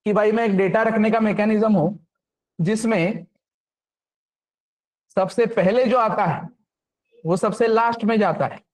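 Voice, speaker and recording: A man's voice: high voice, a little mellow. A man giving a programming lecture, often stopping to ask if the class understands. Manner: keeps checking understanding with quick questions. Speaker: programming instructor.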